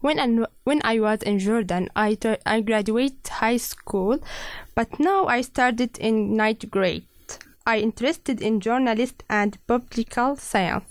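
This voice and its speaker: A woman's voice: on the high side, a little slow, no room sound. Young Syrian-accented woman, careful English. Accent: Syrian Arabic. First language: Arabic. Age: young adult. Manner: simple, careful English, still learning. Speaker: new radio co-host.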